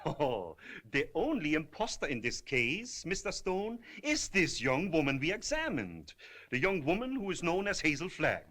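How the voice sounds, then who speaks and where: An actor playing a pompous, self-important eminent doctor, speaking formally and declaiming in a 1930s comedy film. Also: male voice, fairly high pitch, wildly swooping pitch, moderate pace, a bit bright, exaggerated voice. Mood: emphatic, officious.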